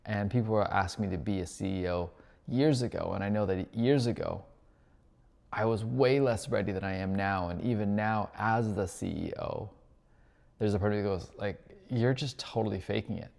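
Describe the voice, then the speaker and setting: A man with a low, gravelly voice talks through his thoughts in a loose, introspective ramble. He catches and corrects his own words as he goes, like a spiritual coach reflecting out loud. His voice trails off into a long hall reverb. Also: normal speed. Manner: introspective, thinking aloud, self-correcting. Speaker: spiritual coach and retreat host.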